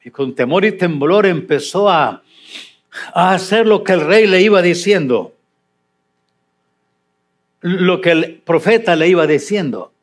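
An older male pastor delivering a sermon in a fairly high voice. He speaks slowly and deliberately, reading scripture before commenting on it. His delivery is dramatic, rising to loud emphasis and then falling back to quiet asides. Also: animated.

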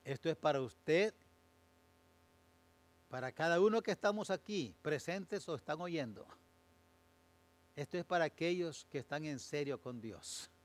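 A male pastor preaching a sermon, moving from measured explanation to slow, emphatic, fervent declarations. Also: a little high, lively intonation.

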